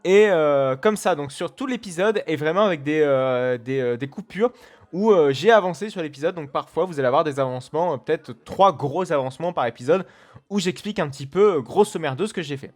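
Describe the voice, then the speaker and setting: A man's voice: fairly high pitch, animated, fairly quick. A man hosting a let's play, giving casual, rambling commentary full of fillers and restarts.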